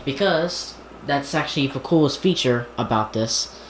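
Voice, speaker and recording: A vlogger showing a radio collection speaks at normal speed in a medium-pitched voice with lively intonation, rambling informally and often restarting sentences. The recording comes from an echoey indoor room with background noise.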